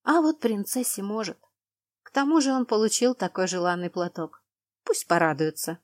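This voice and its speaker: A woman's voice: medium pitch, normal speed, no echo, studio quality, lightly acted. A woman voicing a cheeky young noblewoman who talks in a sweetly mocking, sighing way. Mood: tired retort.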